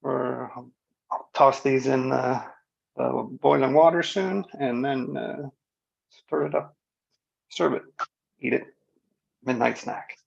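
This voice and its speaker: A breathless man talks through a cooking segment at a slow, easy pace, his voice gravelly with heavy fry and a husky edge. The remote line sounds dull and lo-fi. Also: medium pitch, steady tone. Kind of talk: casual cooking commentary.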